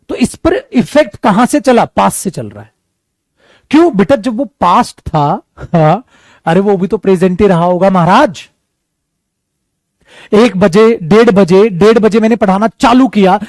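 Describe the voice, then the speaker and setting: An Indian man teaches a grammar class with a fairly high voice and plenty of energy. He teases and scolds his students and now and then slows down for careful English lines. The recording is close and dry. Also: no echo. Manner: lively, scolds and jokes with students; switches into slow English.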